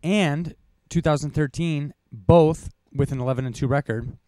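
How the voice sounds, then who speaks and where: A man's voice: on the high side, normal speed, warm tone, no echo. A young man co-hosting a podcast, reading competition results from notes with casual asides and the odd cough. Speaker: co-host. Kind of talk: podcast rankings recap.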